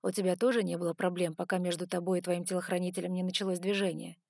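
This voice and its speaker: A woman's voice: lowish voice, level tone, fast, darkish tone, no room sound, studio quality. A woman voicing a sly, sarcastic male ice dragon who talks in a teasing, offhand way.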